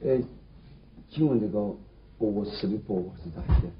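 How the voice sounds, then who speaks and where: An actor playing a bluffing, unschooled middle-aged job seeker in a TV comedy, speaking stammering, colloquial Sichuan dialect. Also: male voice, fairly low pitch, animated, moderate pace, lightly acted. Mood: hesitant. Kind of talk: comedy TV drama dialogue. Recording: dull lo-fi old TV sound, noisy.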